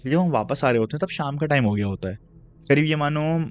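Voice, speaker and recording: A man's voice: on the high side, animated, quick pace, clear, resonant tone, soft background music. A young man telling a true horror story in a casual, chatty way, mixing in English slang and turning to the listener with asides. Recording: dull lo-fi recording.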